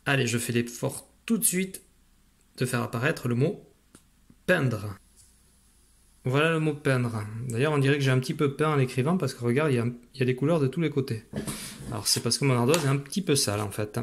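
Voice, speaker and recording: A man's voice: mid-range voice, brisk, creaky. A man teaching a phonics lesson to a young child, patient and encouraging, speaking straight to the learner.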